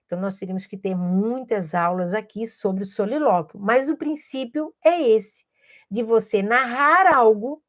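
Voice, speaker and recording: Slow, patient woman educator. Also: a little high. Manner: explains patiently, models speech sounds aloud. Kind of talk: teaching talk to camera.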